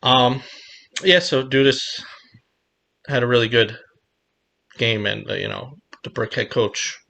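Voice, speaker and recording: Bright-voiced man chatting about games. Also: mid-range voice, a little slow, creaky. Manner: relaxed, many "you know" fillers. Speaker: podcast co-host. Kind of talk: casual sports talk.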